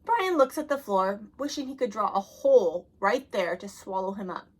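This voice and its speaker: Woman storyteller reading a picture book aloud, expressive, mid-pitched. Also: normal speed. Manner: expressive, dropping soft for sad moments. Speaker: reader.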